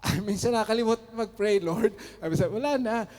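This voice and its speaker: A man's voice: high-pitched, brisk, darkish tone, long reverb tail. A man preaching a sermon as pastor, switching between Tagalog and English with chuckling asides.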